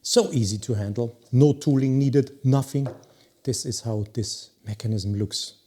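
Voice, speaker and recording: A man's voice: medium pitch, warm tone. A man reviewing a watch, opinionated and emphatic. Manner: opinionated, emphatic, drawn-out pauses. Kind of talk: product review talk.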